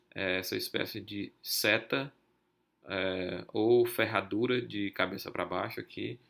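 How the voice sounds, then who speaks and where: Low gravelly man teaching, "certo?" tags. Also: fairly bright tone. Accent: Brazilian Portuguese. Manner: many filler "é" and "certo?" tags. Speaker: podcast teacher. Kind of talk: explaining Hebrew accents over a text.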